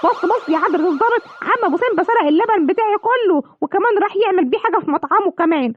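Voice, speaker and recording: A woman with an Egyptian accent voicing a fussy female cow, excitable and complaining. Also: very high voice, very fast, dry recording, voice pushed up. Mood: aggrieved. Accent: Egyptian Arabic. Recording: dull lo-fi, clear background noise.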